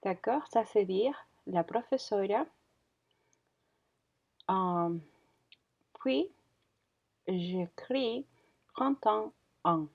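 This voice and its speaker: Slow, hesitant woman teacher. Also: medium pitch, animated, gravelly. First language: Spanish. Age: 30s. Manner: hesitant, many fillers and self-corrections. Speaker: French teacher. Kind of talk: slow beginner language lesson. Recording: dull lo-fi audio.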